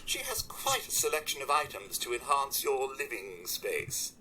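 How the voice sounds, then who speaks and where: A man's voice: mid-range voice, huge pitch swings, moderate pace, pushed and bright, slight background noise, full character voice. An actor playing a polite, formal male robot butler in a video game, courteous and eager to serve.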